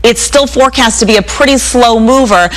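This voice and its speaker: A woman's voice: fairly high pitch, fairly quick, poor audio. Woman anchoring live weather news.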